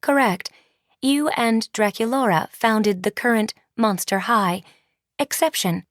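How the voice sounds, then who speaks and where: A woman's voice: fairly high pitch, a little slow, dry recording, clean studio sound, lightly acted. A woman voicing a colorless, commanding female school founder made of words, who speaks in clipped announcements. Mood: cold commanding. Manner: clipped, commanding, announces each remark with a one-word label.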